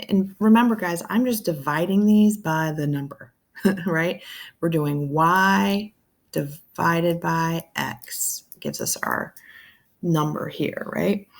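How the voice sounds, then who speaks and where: A woman's voice: lowish voice, creaky, a little mellow. A woman teaching a recorded math lesson, thinking aloud step by step and checking in with viewers.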